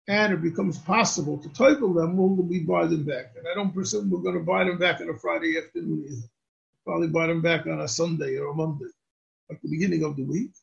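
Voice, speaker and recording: A man, a rabbi, answering questions on religious law in a deliberate, explanatory way and restating his points. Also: a little high, gravelly. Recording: dull lo-fi recording.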